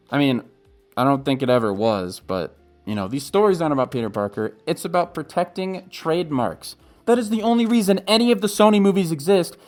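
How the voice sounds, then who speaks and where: A man's voice: fairly high pitch, darkish tone. A man giving opinionated YouTube commentary in a muffled voice, as if through a mask, emphatic and exasperated with casual asides. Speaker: YouTube video essayist. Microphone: webcam setup. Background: music.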